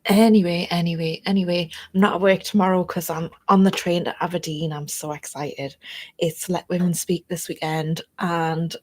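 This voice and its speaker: Speaking at a normal speed with a level, darkish tone and fairly low pitch, this North East English woman chats to camera as a vlogger. Her throat sounds a bit froggy and chesty, and her talk wanders chattily between subjects.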